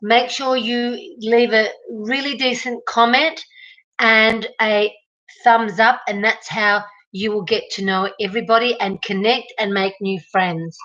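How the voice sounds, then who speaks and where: A middle-aged Australian woman hosts a live stream, chatting casually and greeting viewers by name. Her voice sits fairly high and sounds sharp and bright. The stream audio is muffled and lo-fi. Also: steady tone, measured pace.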